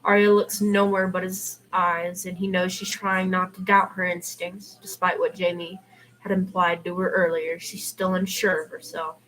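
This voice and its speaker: A woman streaming amateur podfic reads fan fiction aloud with offhand asides, her lowish voice fairly bright and showing little pitch movement. She speaks at normal speed over a clearly noisy recording.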